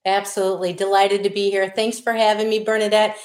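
A middle-aged woman with a Wisconsin accent appears as an interview guest and diversity consultant, chatting casually and self-deprecatingly in a flat, mid-range voice. She talks fast, frequently restarting sentences, in an echoey room.

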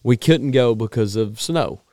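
A man's voice: medium pitch, measured pace, mellow, no echo, clean studio sound. A man chatting casually in a folksy, colloquial, joking manner. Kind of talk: casual chat.

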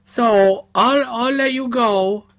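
A man playing a soft-hearted male troll, a little drunk, stumbling and restarting his words as he pours out apologies. He rambles on in a comedic phone bit, halting and sheepish. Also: very high voice, heavily acted. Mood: apologetic. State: tipsy. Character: sad, tipsy, sweet male troll. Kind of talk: prank phone call, comedic voicemail.

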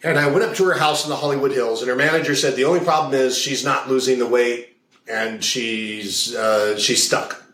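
Here a man appears as an interview guest, a hypnotist and values coach, describing his coaching in relaxed conversation full of anecdotes. His medium-pitched, fairly bright voice keeps a fairly even intonation at normal speed, and the sound reverberates through a spacious room. He relies on long stories and keeps repeating key phrases for emphasis.

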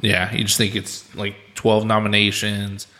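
Bright-voiced male podcast host in an empty room. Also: lowish voice, monotone, a little slow. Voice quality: sounds like recorded in an empty room. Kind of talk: casual film podcast chat.

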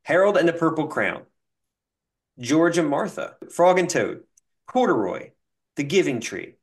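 A man's voice: on the high side, big pitch swings, a little slow. A man hosting a casual podcast, reading listener comments aloud and reeling off long lists with laughs. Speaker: podcast host.

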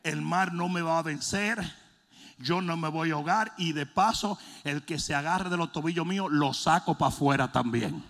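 A high, gravelly-voiced man preaches a lively sermon. He swings between shouting and playful mimicry, and his voice rings through a long hall reverb. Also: moderate pace.

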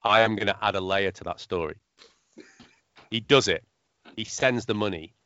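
A man co-hosting a podcast, talking in a wry, animated way. His voice sits low. The recording is dry and slightly muffled. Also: normal speed, clean tone, no echo. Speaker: podcast co-host. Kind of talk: casual chat.

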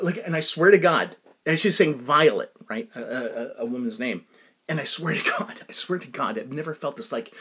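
A man with a slightly higher-than-usual voice tells a personal story in a loose, conversational way. He rambles, restarts his sentences and keeps turning to his listeners with little asides. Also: slightly rough. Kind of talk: casual personal anecdote monologue.

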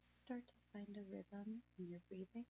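A woman leading a guided meditation in a soft, hushed, near-whispered voice, slow and soothing. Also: mid-range voice, a little hiss or hum, rough recording. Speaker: podcast host.

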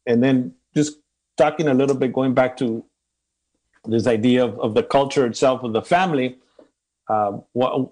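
A man's voice: mid-range voice, moderate pace, darkish tone. A man being interviewed, talking thoughtfully with many restarts and repeated words. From Mexican American. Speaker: interview guest, academic. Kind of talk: conversational interview.

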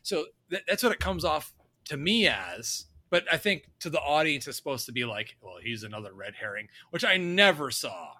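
A man's voice: fairly high pitch, big pitch swings, moderate pace, sharp tone, slightly rough. Guy on a movie podcast, jokey and blunt, voice jumps around a lot. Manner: joking, blunt, restarts sentences. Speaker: podcast co-host. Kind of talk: casual chat recapping a movie.

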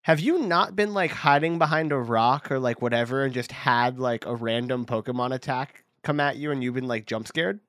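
An excitable young man hosting a casual podcast with his friend. His voice sits in a middle pitch and often leaps up when he jokes. The sound is dry and close. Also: moderate pace, hardly any pauses, no echo. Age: young adult. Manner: excitable, jumps high in pitch when joking. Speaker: podcast host. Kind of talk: casual chat.

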